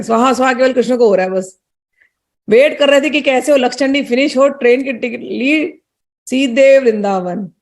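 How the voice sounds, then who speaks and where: Earnest middle-aged lady telling her devotional story, kinda high, gravelly voice. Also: a little mellow. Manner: earnest, emotional, repeats words while telling. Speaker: devotee sharing a personal story.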